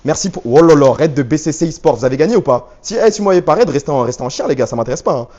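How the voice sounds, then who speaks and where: A man's voice: on the high side, lively intonation, rapid-fire, darkish tone, lo-fi sound. A man live streaming on a handheld phone rig, bantering in slang with his viewers and reading their chat messages aloud. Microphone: handheld phone rig with stabilizer.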